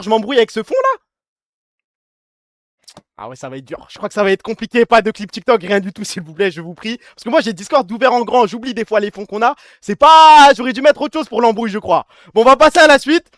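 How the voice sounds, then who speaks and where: A man's voice: sits high, expressive, fast, a bit bright, no echo, clean studio sound. A man streaming live, chatting loosely with his chat and callers, mocking and swearing freely. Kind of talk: casual livestream chat.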